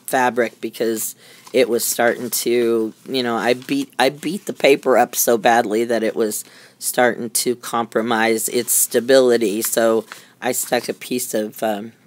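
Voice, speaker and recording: A woman's voice: very deep voice, fairly even intonation, a little slow. A middle-aged woman giving a casual, chatty show-and-tell of her handmade crafts, rambling and easily amused. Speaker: craft maker showing handmade journals. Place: indoors at a craft desk.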